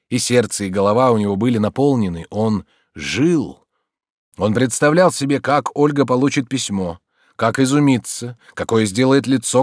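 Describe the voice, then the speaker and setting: Man narrating an old novel, lively rising and falling pitch, dry close sound. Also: no echo. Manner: expressive, measured narration. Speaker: audiobook narrator. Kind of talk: literary audiobook reading.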